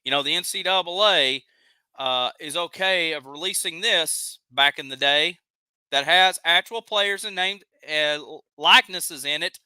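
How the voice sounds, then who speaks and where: A man's voice: fairly high pitch, a little slow, sharp tone, smooth, no room sound. A man with a Southern accent hosting a live stream, ranting heatedly and reading chat comments aloud. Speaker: live show host.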